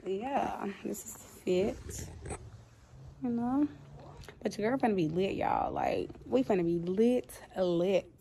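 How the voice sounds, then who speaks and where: A woman's voice: medium pitch, big pitch swings, slow, vocal fry, warm tone, slight background noise. A young woman vlogging casually and slangily to camera, speaking with a slight lisp from wearing a retainer. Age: young adult. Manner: slangy, upbeat. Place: covered porch outside a brick house. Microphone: phone at arm's length.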